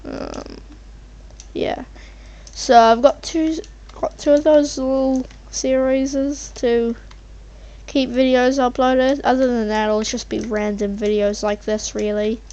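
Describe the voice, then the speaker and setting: A woman's voice: fairly high pitch, little pitch movement, slow pace, mellow. A woman casually rambling over her gameplay as a channel host, hesitant and meandering as she thinks aloud. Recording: muffled mic with faint background noise, keyboard typing.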